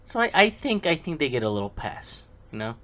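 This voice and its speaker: A man's voice: on the high side, sing-song, brisk, fairly bright tone, slight background noise. A man casually reading a film script aloud in a rambling, chatty way, with many fillers and asides to himself. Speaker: hobby script reader.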